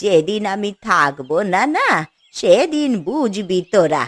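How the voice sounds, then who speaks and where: A woman's voice: medium pitch, sing-song, measured pace. A woman voicing a stern, fretting old grandmother in a cartoon, scolding and grumbling in a weary way. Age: older. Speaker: voice actor. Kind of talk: cartoon voice acting.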